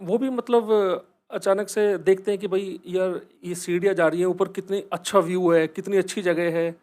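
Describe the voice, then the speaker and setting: A man's voice: high-pitched, fairly even intonation, moderate pace, a little mellow. A man telling a horror story in a casual, conversational way and speaking straight to his listeners. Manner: conversational, addresses listeners directly.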